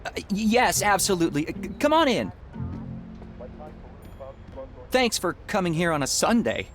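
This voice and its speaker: An actor voices an earnest, excitable young rocket inventor in an adventure game, sounding boyish, eager, and easily flustered. The male voice sits high and moves fairly quickly over soft background music, with an awkward, eager mood.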